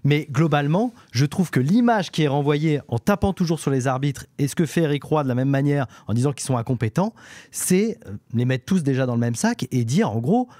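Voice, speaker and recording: A man's voice: on the high side, expressive, brisk, mellow, no echo, studio quality. A man on a football panel, telling an anecdote with many fillers, firm in his opinions. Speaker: football pundit. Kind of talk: studio debate with anecdote. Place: television studio.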